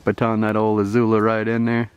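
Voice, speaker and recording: A man's voice: lowish voice, monotone, brisk, clear, resonant tone, no echo, muffled recording. A young man giving a rambling, easygoing tour of his riverside campsite, chuckling often, recorded on a handheld camera outdoors. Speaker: camping vlogger. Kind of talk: casual outdoor camp tour. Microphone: handheld camera mic. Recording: faint outdoor noise.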